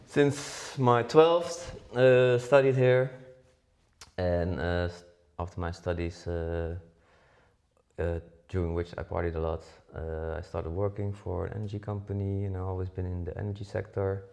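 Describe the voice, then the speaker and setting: Unhurried and steady, this deep voice has a gravelly, darkish quality. He's a Dutch man in his forties co-hosting a podcast, chatting loosely with many fillers and restarts.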